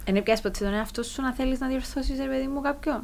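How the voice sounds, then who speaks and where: A woman's voice: high voice, darkish tone. A woman with a Cypriot Greek accent chatting casually as an interviewer.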